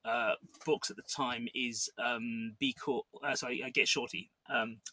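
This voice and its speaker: A man's voice: mid-range voice, steady tone, a little slow, sharp tone, no room sound. A man co-hosting a podcast, talking casually about a film with frequent restarts and fillers. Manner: rambling, many restarts and fillers. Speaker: podcast co-host.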